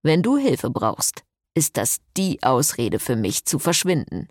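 A woman's voice: a bass voice, sing-song, a little slow, no room sound, studio quality, voice pushed down, heavily acted. A woman voicing a sardonic, laid-back male vampire in a read-aloud novel.

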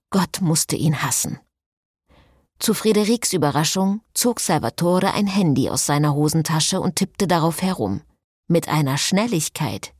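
A woman reading an audiobook in scripted narration with a lively, wry manner. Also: deep voice, dry recording, clean studio sound.

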